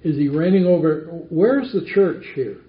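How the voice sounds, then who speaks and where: A man's voice: fairly high pitch, lively intonation, normal speed. Man teaching a Bible class, roomy. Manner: asks the class questions and repeats their answers. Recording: roomy, dull lo-fi recording.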